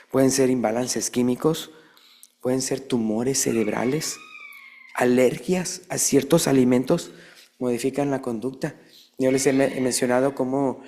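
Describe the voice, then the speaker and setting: A man's voice: mid-range voice, darkish tone. A man teaching a church Bible class in a conversational way, often tossing rhetorical questions to the listeners. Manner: chatty, peppers talk with rhetorical questions; acts out little quoted dialogues.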